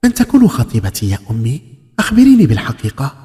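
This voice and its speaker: A man's voice: medium pitch, huge pitch swings, fast, dark tone, big-room sound. A man voicing a curious, pleading orphan boy in a folk tale, asking insistently. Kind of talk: folk tale character acting.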